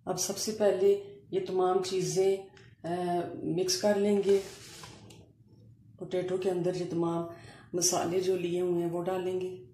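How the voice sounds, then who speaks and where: A woman explaining a home cooking recipe step by step, pausing often as she works in a kitchen. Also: fairly low pitch. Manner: calm step-by-step explaining with frequent hesitations. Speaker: cooking channel host. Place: home kitchen counter, indoors. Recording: echoey room with faint ambient noise.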